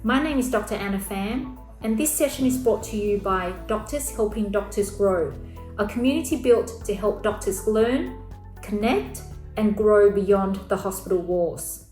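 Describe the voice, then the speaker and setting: A woman host reading a scripted introduction to a session in a smooth, measured delivery. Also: medium pitch, a little mellow. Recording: roomy voice-over with music behind.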